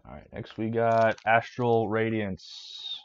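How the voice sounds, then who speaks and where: A man's voice: lowish voice, level tone, takes it slowly, smooth, highs cut off. Casual streamer man reading card names. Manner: reads card names off in a list, with fillers and restarts. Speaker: streamer opening trading card packs. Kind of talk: casual live-stream chat.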